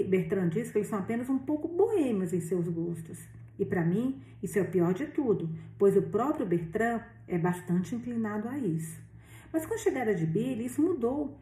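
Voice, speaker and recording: A woman's voice: medium pitch, sing-song, normal speed, dark tone, close to an everyday voice. A woman reading the lines of a kindly, earnest middle-aged man who gets flustered, in her own voice. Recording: roomy echo, distant mic.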